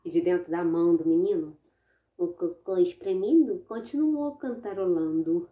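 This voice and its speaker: A woman with a Brazilian accent telling a children's story in an expressive, animated way. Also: fairly low pitch, moderate pace, phone-quality sound. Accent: Brazilian Portuguese. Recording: echoey room.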